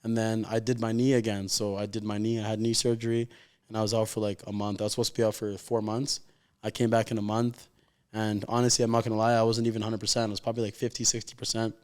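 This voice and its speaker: Brisk and flat, a smooth, slightly mellow lowish voice belongs to a professional footballer in his 20s from Calgary, Canada. He's an interview guest chatting heartfelt and slangy, with "like" in nearly every phrase.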